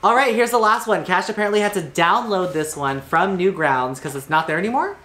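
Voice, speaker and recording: A man's voice: high-pitched, animated, brisk, sharp tone, roomy sound. A man with a sassy, campy drag queen manner, giving casual reaction commentary as a show host. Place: small studio, indoors. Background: music.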